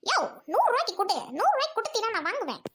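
A woman's voice: big pitch swings, racing, heavily acted. A woman voicing a rude, bossy young woman who insults a street vendor, for a cartoon. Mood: scornful. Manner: shrill, mocking, shouty. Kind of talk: cartoon voice acting.

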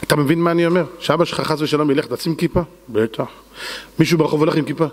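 A man's voice: fairly high pitch, long reverb tail. A man preaching a sermon as a rabbi, fervent and dramatic, acting out the voices he quotes.

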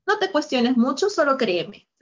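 A woman's voice: high-pitched, very animated, unhurried, lo-fi sound. Upbeat woman teaching an English class. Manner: upbeat, praising, mixes Spanish and English, laughs often. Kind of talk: live online English lesson.

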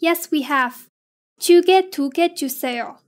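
In a high, feminine voice, a reader delivers a lesson at a crawl, keeping the spacing even throughout. The material is phrases followed by their translations.

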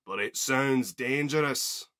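A man voicing a cautious male steam engine who speaks sternly and loudly. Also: high voice, huge pitch swings, normal speed, slightly rough, soft background music, voice pushed up, full character voice. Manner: stern, loud, disapproving.

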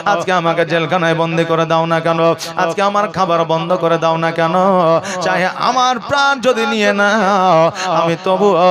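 A man voicing a devout, steadfast enslaved man in a sermon story, with fervent, defiant, drawn-out declarations. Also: fairly high pitch, crowd noise, natural voice.

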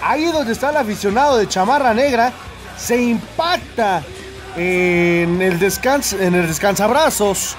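An excitable Mexican man commentates on lucha libre in a very high-pitched voice. His play-by-play comes at a measured pace, full of exclamations, with music playing behind him. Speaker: wrestling commentator.

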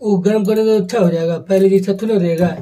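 A man's voice: high-pitched, fairly even intonation, quick pace, mellow. A man in a casual home vlog, chatting to viewers as friends and cooing at a pet. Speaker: vlogger.

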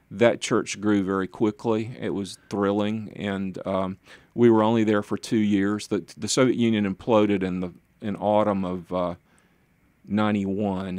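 A man's voice: fairly low pitch, little pitch movement, measured pace, darkish tone, dry recording. An older man, a pastor being interviewed, telling stories in a rambling, self-deprecating way with chuckling asides. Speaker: pastor and author, guest. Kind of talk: conversational interview storytelling.

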